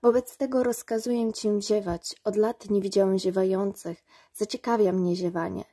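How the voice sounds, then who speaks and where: A woman's voice: mid-range voice, fairly even intonation, normal speed, warm tone, slightly rough. A woman voicing a pompous, commanding old king in a storybook, handing out orders.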